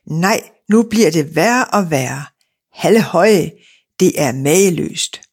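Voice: medium pitch, animated, breathy edge. A storyteller voicing a simple, cheerful young farm lad who eagerly calls out and boasts in a storybook reading. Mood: boastful. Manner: eager, boastful, keeps calling out.

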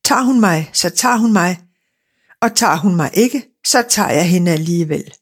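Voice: mid-range voice, expressive, slightly rough. A storyteller voicing a simple, cheerful young farm lad who eagerly calls out and boasts in a storybook reading. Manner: eager, boastful, keeps calling out.

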